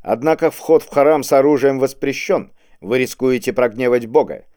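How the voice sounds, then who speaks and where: A man voicing a bold male agent who speaks in a loud, sardonic way. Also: mid-range voice, moderate pace, close to an everyday voice.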